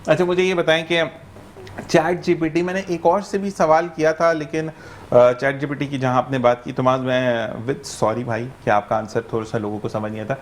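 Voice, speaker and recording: A man's voice: mid-range voice, steady tone, normal speed, slight background noise. A man with a Pakistani accent hosting a live morning show, chatty and teasing his guests. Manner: playful, teasing, puts on comic voices. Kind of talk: joking live TV chat.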